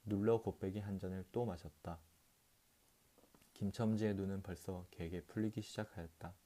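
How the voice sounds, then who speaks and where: A male audiobook reader tells a literary short story in a calm, steady way. His voice is low and mellow, soft-edged rather than bright. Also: moderate pace. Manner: calm, steady reading with occasional restarts.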